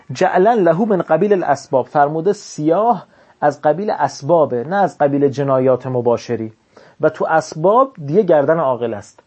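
A man's voice: a little high, darkish tone. A man teaching a class, reading passages of a legal text aloud and explaining each line in plain everyday speech, often asking a question and then answering it himself. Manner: reads Arabic text then explains it in colloquial Persian, asks himself questions. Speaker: teacher of Islamic jurisprudence.

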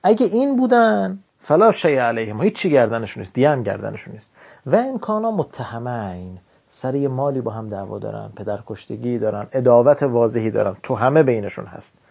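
A man's voice: mid-range voice, very animated, gravelly, a little mellow, husky, lo-fi sound. Man lecturing on a legal text. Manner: reads Arabic text then explains it in colloquial Persian, asks himself questions. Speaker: teacher of Islamic jurisprudence. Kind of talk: classroom lecture reading and explaining a text.

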